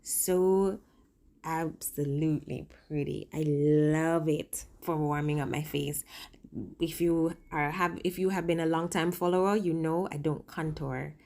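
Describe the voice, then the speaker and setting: A woman's voice: low-pitched, flat delivery, unhurried, a little mellow. A woman chatting casually through a makeup tutorial as a vlogger, informal and emphatic, with rambling asides, speaking with a swollen upper lip. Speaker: makeup vlogger and working makeup artist.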